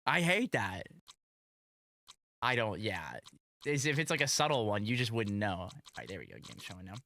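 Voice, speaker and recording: A streamer chatting casually and reacting in an expressive, slangy, exclamatory way. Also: mid-range voice, fast, a little hiss or hum.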